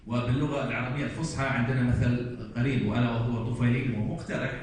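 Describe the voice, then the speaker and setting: A man's voice: medium pitch, fairly even intonation, quick pace. A man with a Kuwaiti Arabic accent presenting at an academic conference, explaining and reciting example after example, recorded from a distance in a large hall. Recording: echoey hall, distant mic, faint room noise.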